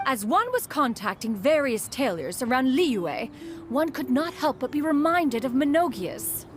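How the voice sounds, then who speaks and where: In a piece of game voice acting, a woman plays a proud, formal female crane spirit who speaks in a stately, archaic manner and refers to herself as "one." Her high-pitched voice swings widely in pitch, stately and measured, with a solemn mood. Game music plays in the background.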